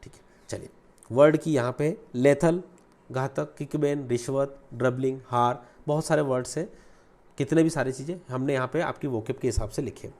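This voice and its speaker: A man teaching English grammar in Hindi, mixing in English terms and repeating key words slowly. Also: medium pitch. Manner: lively teacherly delivery, asks and answers own questions.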